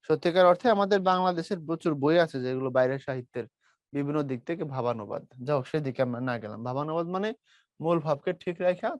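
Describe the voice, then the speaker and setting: Male teacher, slightly high voice, chatty online lesson, dry close mic. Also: no echo. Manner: chatty, acts out comic quotes, asks and answers own questions.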